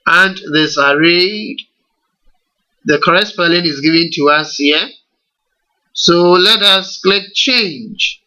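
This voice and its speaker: In this lo-fi screen-recorded software tutorial, a man with a Ghanaian English accent speaks in a high, pushed, bright voice. He walks learners through the computer steps slowly and deliberately, posing rhetorical questions as he goes.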